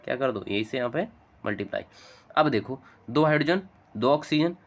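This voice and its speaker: Male teacher, quick chatty explainer who keeps checking in with the class. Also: medium pitch, expressive. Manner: fast, chatty, coaxing with frequent "theek hai" and "bhai". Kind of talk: chalk-talk chemistry lesson.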